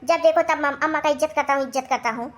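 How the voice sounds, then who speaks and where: A woman's voice: high-pitched, fairly even intonation, quick pace, lightly acted. A woman voicing a stubborn, lazy young city bride in a cartoon, talking back and scolding her husband. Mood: defiant. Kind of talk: cartoon voice acting.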